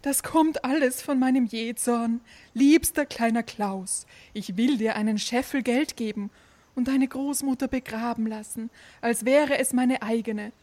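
A woman voicing a rich, hot-tempered male innkeeper who talks in an excitable, pleading way. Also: a little high, slow, voice pushed up, exaggerated voice. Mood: agitated.

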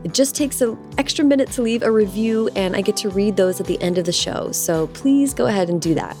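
A woman's voice: medium pitch, lively intonation, fairly quick, dark tone. Young woman podcast host, bubbly and eager, faint music under her voice. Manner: bubbly, enthusiastic. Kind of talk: podcast host read and interview.

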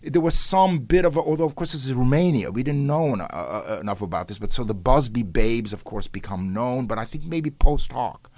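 Brisk and expressive with few pauses, a mid-range, slightly mellow male voice comes through without echo. He is an older professor, originally a Hungarian speaker, telling sprawling interview stories thick with fillers and restarts, punctuated by animated flare-ups.

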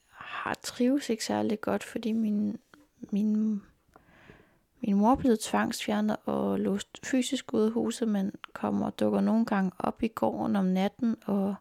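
Interviewee: young adult woman, very gravelly voice, dry close recording, earnest and hesitant. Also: mid-range voice, warm tone, no echo. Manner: earnest, halting retelling. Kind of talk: personal life story interview. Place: indoors at grandparents' home.

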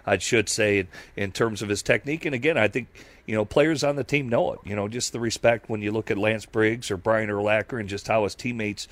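A man's voice: lowish voice, fairly quick, fairly bright tone, no echo. A man analyzing football on a radio show, rambling through long analytical points. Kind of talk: sports radio talk.

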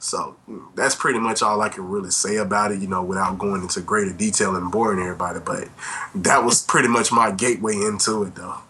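Low, bright-voiced middle-aged man chatting. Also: fairly even intonation, fast, a little hiss or hum. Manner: rambling, self-deprecating, repeated verbal asides. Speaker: podcast co-host. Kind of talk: casual chat, reminiscing.

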